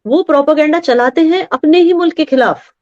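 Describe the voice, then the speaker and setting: A woman's voice: high-pitched, fairly quick, a little mellow, no room sound. A woman from Kashmir, a guest who argues her point earnestly and emphatically with homely examples. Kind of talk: earnest conversational argument. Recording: dry, slightly muffled audio.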